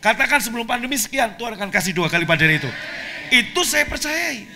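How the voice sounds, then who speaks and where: A male pastor from Indonesia preaching a sermon, swinging from quiet asides to shouted declarations. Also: high voice, animated, very fast, background noise.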